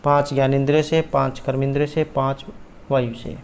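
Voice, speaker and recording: A man's voice: medium pitch, little pitch movement, a little fast, gravelly. A man tutoring for a Sanskrit exam, explaining each question and its answer option in a methodical way.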